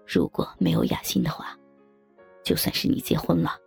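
A man's voice: moderate pace, lightly acted. A man voicing an earnest, devoted young man in an audio story, speaking steadily over faint background music. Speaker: male lead in an audio story. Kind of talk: acted dialogue in an audio story.

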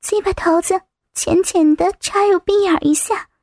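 A woman reading a story aloud as narrator, in a soft, slightly breathy manner. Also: very high voice, steady tone, moderate pace, no echo, clean studio sound.

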